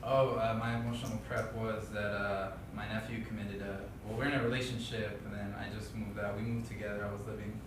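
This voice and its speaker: A man acting student haltingly explaining his emotional preparation. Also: flat delivery. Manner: hesitant, halting with fillers. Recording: distant, echoey room with loud rumble.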